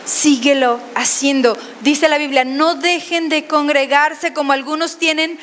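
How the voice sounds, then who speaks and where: A woman preaching a sermon, animated and often questioning the congregation. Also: high-pitched, measured pace, in a large hall.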